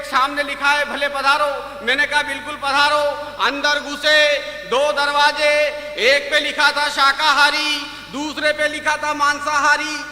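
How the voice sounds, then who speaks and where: Male stage comic poet, very high and piercing, sharp bright tone, recorded from far off in an echoing hall, jokes build to shouted punchlines. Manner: joke-telling with rising, shouting punchlines. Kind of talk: stand-up comic poetry at a live poets' gathering. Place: outdoor fair stage.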